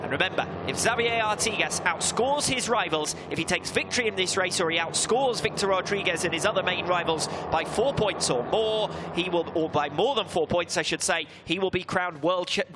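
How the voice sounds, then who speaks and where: A man's voice: sits high, fairly quick, hardly any pauses. A man giving fluent live commentary on a motorcycle race. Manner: fluent, builds excitedly with the action. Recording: loud engine and trackside noise behind. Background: motorbike engines, outdoor race ambience.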